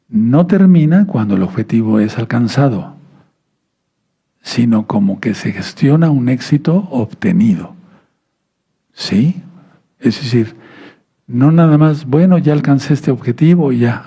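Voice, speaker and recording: Preaching with patience, this mid-range male voice has a gravelly, slightly husky quality and a warm, dark colour. His teaching-style sermon is full of stumbles and restarted words, and he keeps asking listeners "¿sí?"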